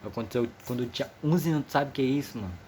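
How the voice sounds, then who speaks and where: A man's voice: mid-range voice, very fast, darkish tone. Nervous teen guy, rambly slangy storytelling, faint noise behind. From Amazonas, northern Brazil. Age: teenager, 15. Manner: slangy, rambling, many restarts. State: a bit nervous. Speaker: vlogger. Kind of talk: casual personal storytelling.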